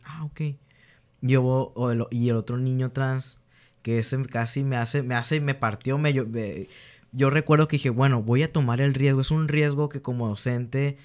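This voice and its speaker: A man's voice: mid-range voice, normal speed, darkish tone. A young man, a teacher being interviewed, earnestly telling stories about his students and acting out their exchanges, with frequent restarts. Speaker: guest, teacher. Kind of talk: candid interview storytelling.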